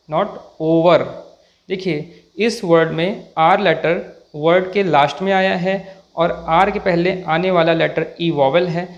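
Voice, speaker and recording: A man teaching English pronunciation in Hindi, explaining rules patiently and repeating example words slowly for contrast. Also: fairly high pitch, gravelly, lo-fi sound. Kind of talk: slow, deliberate explanatory lesson.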